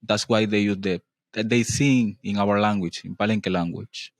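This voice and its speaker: A man with a Colombian accent, a native Spanish speaker, interpreting in simple English with halting non-native phrasing. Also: on the low side, fairly even intonation, no echo.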